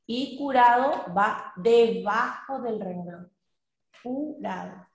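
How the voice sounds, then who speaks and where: A woman teacher going through examples in a recorded class, speaking in a measured way and asking her students questions. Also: fairly high pitch. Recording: echoey room.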